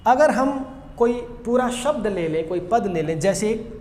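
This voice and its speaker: High pitched guy teaching grammar real slow, repeats stuff, roomy echo. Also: animated, a little mellow. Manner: explains slowly, repeats key points. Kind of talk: classroom grammar lesson. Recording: echoey room with long reverb, faint noise.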